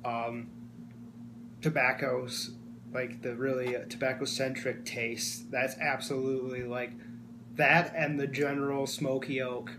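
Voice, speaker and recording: A man's voice: mid-range voice, little pitch movement, unhurried. A man in his twenties chatting casually as a co-reviewer in a small room, picked up by a camera. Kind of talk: casual chat. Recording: clear hum and background noise.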